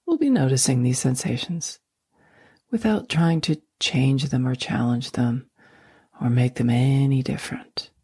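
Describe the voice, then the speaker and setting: A woman with a low, mellow voice leads a sleep meditation, speaking softly and slowly and often slipping into a breathy near-whisper. The sound is close and dry, with no room sound at all.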